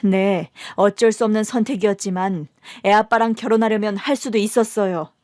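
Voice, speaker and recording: A woman telling a scripted radio story as the mother, steady narration and firm dialogue. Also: medium pitch, normal speed, no echo, studio quality.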